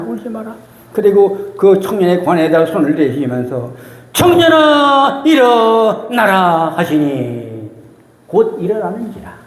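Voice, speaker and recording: A man's voice: high-pitched, dark tone. A man preaching a sermon as pastor, emotional and emphatic, repeating key phrases. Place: church sanctuary. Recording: roomy church hall reverb.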